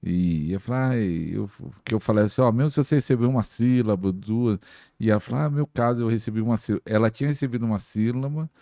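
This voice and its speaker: Low-voiced Brazilian podcast host. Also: male voice, fast, no echo, studio quality. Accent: Brazilian Portuguese. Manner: calm, asks questions. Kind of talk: podcast conversation.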